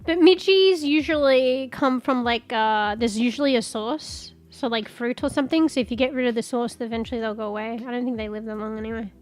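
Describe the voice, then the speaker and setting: Soft music plays behind a woman whose voice is on the high side, and she talks fairly quickly with few pauses. She is a congested streamer losing her voice, rambling in casual chat, swearing, and reading out search results.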